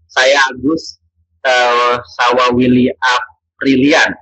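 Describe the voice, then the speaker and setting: A man's voice: medium pitch, little pitch movement, takes it slowly, sharp tone, no echo. A man moderating a webinar who reads out audience questions politely and teases the speaker in a friendly way. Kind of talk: reading out questions. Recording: dull dry online call audio.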